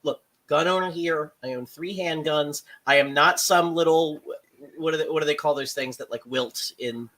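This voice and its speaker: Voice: medium pitch, normal speed, a bit bright. A podcast co-host talking in a wry, profane, rambling way in casual opinionated chat.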